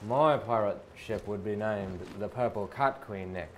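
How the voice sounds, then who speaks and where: A man's voice: fairly low pitch, a little slow, a little hiss or hum, pitched below the performer's own voice, close to an everyday voice. A man putting on a hammy pirate drawl. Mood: swaggering. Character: gruff male pirate captain.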